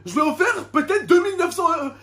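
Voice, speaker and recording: A man's voice: extremely high pitch, expressive, fast talker, sharp tone. A man with a French suburban street accent, ranting indignantly to his subscribers in street slang with Arabic interjections, repeating himself and asking rhetorical questions. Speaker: YouTuber addressing subscribers. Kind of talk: emotional spoken rant to camera.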